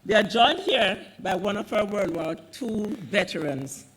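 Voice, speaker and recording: A man making a loud, celebratory live announcement. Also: high voice, expressive, measured pace. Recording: loud crowd noise.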